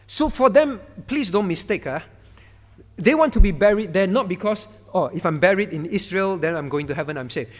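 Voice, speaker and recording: A male pastor preaches a sermon in a church hall, his high, animated voice moving at normal speed. He keeps it conversational, often turning to the congregation, and the recording is reverberant with the hall's echo.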